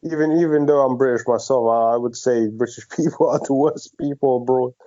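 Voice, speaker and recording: A man's voice: medium pitch, brisk, warm tone, dry recording. Young man with a dry, muffled sound. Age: young adult. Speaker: podcast co-host. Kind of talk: casual chat. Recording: dry, dull lo-fi audio.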